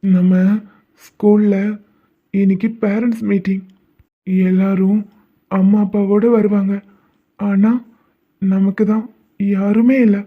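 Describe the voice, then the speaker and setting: A man's voice: sits high, little pitch movement, slow pace, long pauses. A man doing a sensitive young orphan lad. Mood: sorrowful. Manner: pleading, tearful. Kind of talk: animated cartoon voice acting. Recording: tinny phone-like sound.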